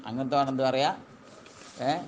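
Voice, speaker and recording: A man teaching a classical religious text, reading Arabic slowly and then explaining in quick colloquial speech. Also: medium pitch, flat delivery, slight background noise.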